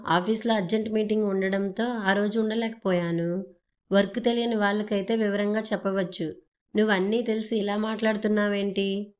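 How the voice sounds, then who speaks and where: A woman's voice: mid-range voice, natural voice. Woman reading as an indignant young wife. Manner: heated, indignant delivery. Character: young working wife, proud and angry.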